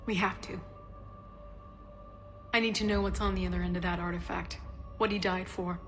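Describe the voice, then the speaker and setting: A woman voicing a grieving young female scientist in video game dialogue, speaking in a hesitant, halting, emotional way, with game music behind. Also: lowish voice, fairly even intonation, natural voice.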